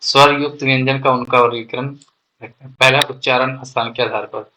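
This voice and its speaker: A man teaches a grammar lesson in a bright, clear voice that stays fairly level in pitch. He explains patiently step by step, draws out the example sounds slowly, and keeps checking that the learners are following. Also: steady tone, slight background noise, low-quality recording. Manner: explains step by step and often adds "ठीक है" to check understanding.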